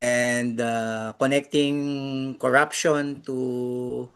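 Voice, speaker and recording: Filipino male moderator, mid-range voice, unhurried and hesitant delivery, informal online meeting hosting. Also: mid-range voice, clean tone. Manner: halting, searching for words. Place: online group call.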